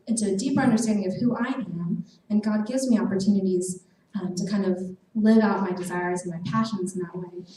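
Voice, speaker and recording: A woman's voice: mid-range voice, warm tone. Earnest young woman speaking in an echoey hall. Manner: earnest, chatty, many fillers. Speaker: guest speaker. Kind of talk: casual sermon talk to students. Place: large meeting hall. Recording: echoey hall from far off, faint noise.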